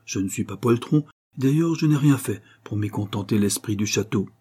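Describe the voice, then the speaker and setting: A man reading aloud, voicing a simple, superstitious coachman who speaks earnestly and respectfully, in a raised, husky voice. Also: fairly low pitch, moderate pace, warm tone. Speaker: postillion.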